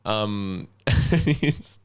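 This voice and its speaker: A man's voice: on the low side, animated, very slow, clear, resonant tone. A man co-hosting a podcast in loose, joking banter. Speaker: podcast co-host. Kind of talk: casual podcast chat.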